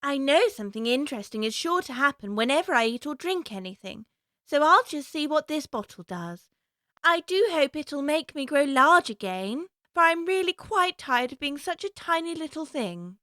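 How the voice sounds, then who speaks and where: A woman's voice: high voice, very animated, normal speed, sharp tone, no room sound, studio quality, heavily acted. A woman playing Alice, a curious young girl chattering away to herself in a prim, wondering way, for a full-cast audiobook. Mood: musing.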